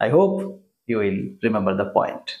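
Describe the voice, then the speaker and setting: A man teaching English grammar for exam preparation, explaining each option step by step, often checking in with "right?", and reading example sentences slowly. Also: on the low side, sing-song, roomy sound, narrow, tinny audio. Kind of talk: exam-prep grammar lesson.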